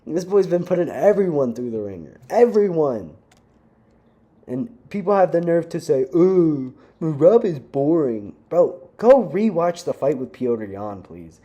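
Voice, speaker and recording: Young man, casual rant, slangy, laughs a lot, slightly high voice. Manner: animated, laughs often, slangy. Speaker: vlogger.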